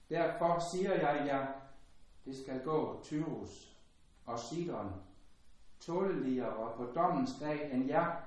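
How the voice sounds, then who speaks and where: Solemn man reading in an echoing church. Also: far from the mic. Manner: measured, solemn, phrase endings dropping low and soft. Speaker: priest. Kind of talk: liturgical gospel reading. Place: large church. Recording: dull, very echoey church sound from afar.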